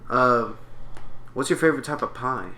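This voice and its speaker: A man's voice: medium pitch, normal speed, pushed and bright. A young man co-hosting a podcast, joking around in a crude, loose way. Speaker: podcast co-host. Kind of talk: casual chat.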